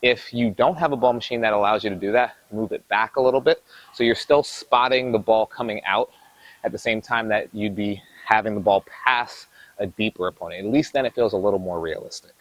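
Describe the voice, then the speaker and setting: A man coaching tennis, explaining drills in an energetic, explanatory way while demonstrating on the court. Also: lowish voice, a little fast, no room sound, lo-fi sound. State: a little out of breath. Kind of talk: instructional coaching talk.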